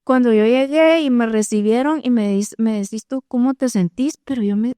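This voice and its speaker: A woman, telling her testimony in an animated, conversational way and acting out her own thoughts. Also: a little high, moderate pace, smooth, dry recording, clean studio sound. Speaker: guest sharing testimony.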